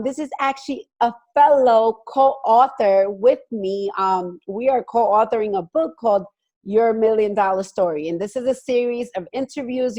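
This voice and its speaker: A woman's voice: a little high, a little mellow. A woman hosting an interview over a video call, chatty and enthusiastic. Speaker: host. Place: home, joining by video call.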